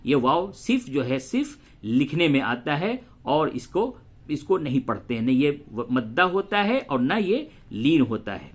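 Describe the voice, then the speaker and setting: A man teaching Quran recitation, patiently spelling letters aloud and reciting verses very slowly. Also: fairly high pitch, big pitch swings, breathy edge. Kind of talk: tajweed lesson with slow recitation and spelling.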